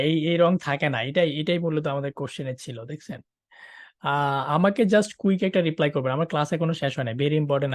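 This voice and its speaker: A male teacher runs an online exam-prep class, cracking jokes and checking in with his listeners. His voice sits somewhat high. The sound is dry and close. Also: dry recording. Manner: joking, animated, keeps checking with listeners.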